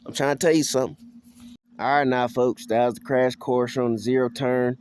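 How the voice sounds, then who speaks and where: Here a country man teaches a casual, practical tutorial, repeating each instruction patiently as he goes, with folksy, colloquial wording. His mid-range, slightly mellow voice keeps a fairly even intonation at a fairly quick pace. Clear background noise and outdoor sounds fill the recording.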